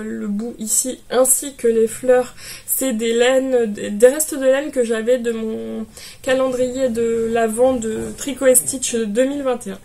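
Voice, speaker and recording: A woman's voice: fairly high pitch, warm tone. A woman chatting casually in a knitting vlog, talking to viewers with many fillers and restarts. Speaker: knitting vlogger.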